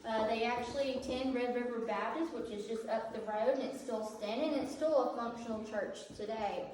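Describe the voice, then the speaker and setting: A woman's voice: medium pitch, a little mellow. A woman with a Southern US accent telling local stories informally as a tour guide inside a cave. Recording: echoey cave, distant mic, faint noise.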